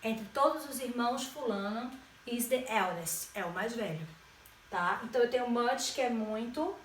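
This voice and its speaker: A woman's voice: on the high side, moderate pace, slight background noise. A woman from Brazil teaching an English grammar lesson, explaining step by step and often checking in with her students. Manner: explanatory, frequent checks like "certo?". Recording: echoey room, distant mic.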